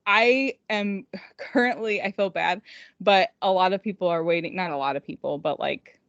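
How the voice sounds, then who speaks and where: This indie author and podcast co-host has a lowish, gravelly voice and talks at a normal speed. Her unscripted chat is loose and rambling, peppered with "like." The recording is a bit lo-fi but has no room sound.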